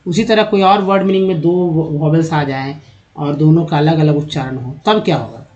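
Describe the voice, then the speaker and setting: A man with a Hindi accent takes learners through English spelling and sound, spelling each word out letter by letter with patience. His voice sits a touch high for a man. The recording sounds dull and lo-fi, with the top end muffled. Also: moderate pace, a little mellow. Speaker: English pronunciation teacher. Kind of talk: slide-based spoken lesson.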